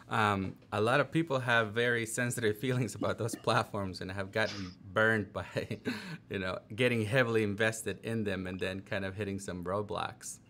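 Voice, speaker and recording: A man in his thirties hosting an interview over a video call, easygoing and quick to laugh, speaking through headphones with a mic in a room with a plain wall. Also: on the low side, bright, forceful tone. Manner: easygoing, laughs often, prompts with short replies. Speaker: interview host. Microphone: over-ear headphones with mic on a video call.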